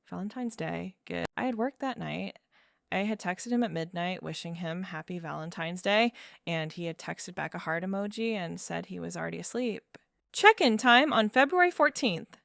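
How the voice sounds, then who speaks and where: Woman, 30s, first-person storyteller; smooth yet gravelly voice, measured and wry. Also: lowish voice, dry recording, clean studio sound. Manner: measured, wry, with fillers and small laughs. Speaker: narrator.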